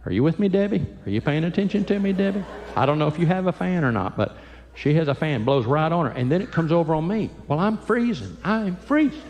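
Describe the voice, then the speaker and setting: A man's voice: a little high, expressive, fast, a little mellow, big-room sound, lo-fi sound. An older man doing stand-up comedy in a church, folksy, teasing the audience and acting out quotes. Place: church sanctuary.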